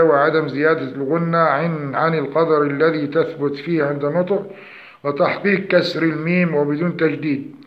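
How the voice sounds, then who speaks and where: A man teaching Quran recitation, explaining pronunciation errors and demonstrating the correct forms. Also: on the high side. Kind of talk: tajweed lesson. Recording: echoey dull lo-fi room.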